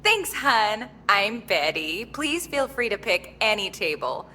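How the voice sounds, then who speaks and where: An actress playing a friendly diner waitress who greets customers and calls them pet names. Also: female voice, mid-range voice, big pitch swings, slow, pushed and bright, slight background noise, exaggerated voice. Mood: welcoming.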